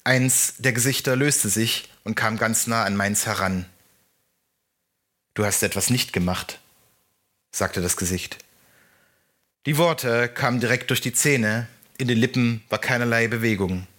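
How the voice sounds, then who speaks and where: A man narrating a first-person story in a measured audiobook style. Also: medium pitch, bright, forceful tone.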